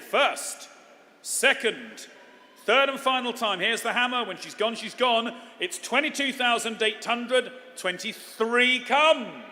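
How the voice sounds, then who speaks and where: A man's voice: very high-pitched, sharp tone. A man working as an auctioneer, calling live bids in a repetitive chant of numbers. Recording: echoey hall with long reverb.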